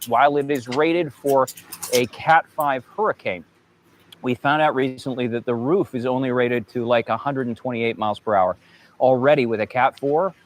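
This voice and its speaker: A man delivers a live field report on severe weather. He speaks emphatically but conversationally, in a mid-range voice, explaining things as a TV reporter on the scene. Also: mid-range voice. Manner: emphatic, conversational, punctuates with rhetorical "right?". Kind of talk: live storm news report. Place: outdoors in wind and light rain.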